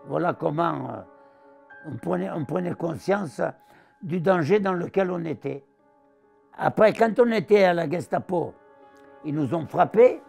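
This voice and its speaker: Old man in his nineties, southern French accent, very gravelly, a bit high-pitched, faint music behind. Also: unhurried, pauses often. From southern France. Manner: animated, acts out the voices he quotes. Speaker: interviewee, war veteran. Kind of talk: storytelling recollection.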